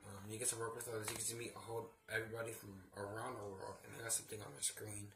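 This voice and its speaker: A man's voice: lowish voice, flat delivery, racing, sharp tone. A young man vlogging casually and hesitantly in his bedroom, under the weather with a sore throat and a cold sore on his lip. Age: young adult. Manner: subdued, hesitant, rambling. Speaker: vlogger, theme park ride worker. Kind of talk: casual vlog chat. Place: small bedroom, indoors. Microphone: phone or laptop at arm's length. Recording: faint noise, handheld home recording.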